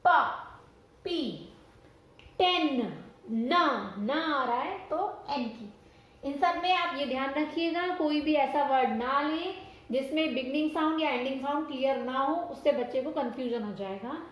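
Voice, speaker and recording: A woman's voice: high voice, a little slow, heavy reverb, rough recording. A woman teaching a phonics lesson for parents, sounding out words letter by letter and mixing Hindi with English. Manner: spells words letter by letter and sounds each one.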